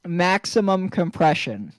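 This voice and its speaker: A man's voice: sits high, big pitch swings, unhurried, dry recording. A man with a mid-range voice trades blunt, sarcastic jokes on a group call. His mic runs through a mixer and sounds close and dry, with no room around it. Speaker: show host on a voice call. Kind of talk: casual group chat.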